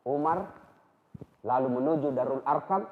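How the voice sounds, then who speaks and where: Man, middle-aged preacher, storytelling sermon, high lively voice, loud shouted character voices, long hall echo. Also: normal speed, narrow, tinny audio. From Indonesia.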